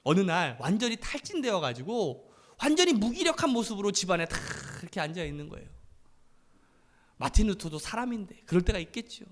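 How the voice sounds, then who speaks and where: A man's voice: high-pitched, sing-song, a little fast. A male pastor delivering an earnest, emphatic sermon in church. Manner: earnest and emphatic, rising to fervent blessings.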